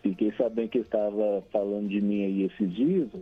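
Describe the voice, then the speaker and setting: A man's voice: on the low side, fairly even intonation, normal speed, husky. A Brazilian man calling in to a radio show over a crackly phone line that keeps cutting out. He chats cheerfully, laughs often and reels off long lists of names. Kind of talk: casual chat and shout-outs on air. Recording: tinny phone line with faint music.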